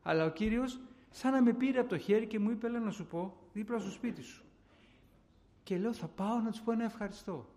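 A man with a high voice preaches a personal testimony to his congregation. His delivery is fervent and repetitive, and he keeps turning to his listeners as brothers and sisters. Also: dark tone.

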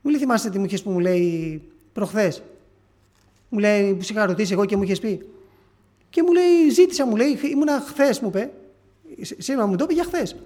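A man with a high voice preaches, relating an encounter in an earnest, halting manner. He restarts phrases often as he tells the story. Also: lively intonation, a little mellow. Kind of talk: sermon testimony.

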